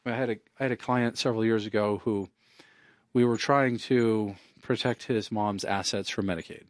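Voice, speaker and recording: This man, an estate planning attorney, speaks in a casual monologue with a wry, conversational manner, often leaning on "you know." His voice is lowish and steady, delivered at a moderate pace. The recording is studio quality with no echo.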